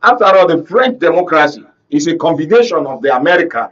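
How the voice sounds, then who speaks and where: On the high side and fairly bright, his voice swings widely in pitch as he talks fast, and the recording's highs are cut off. The man, a Nigerian-accented conflict reporter on a radio and TV studio panel, makes emphatic, rhetorical political points while often checking that his listeners follow.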